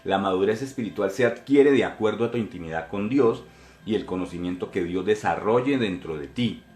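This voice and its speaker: A Colombian man in his forties, a pastor, gives an earnest sermon testimony, speaking directly to listeners and often repeating himself in Colombian-accented Spanish. His voice is fairly low, expressive, brisk and darkish, recorded in an echoey room with a little hiss or hum.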